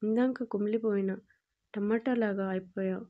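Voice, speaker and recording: A woman's voice: mid-range voice, fairly even intonation, normal speed, highs cut off, natural voice. A woman reading a teasing, doting young husband. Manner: playful and doting.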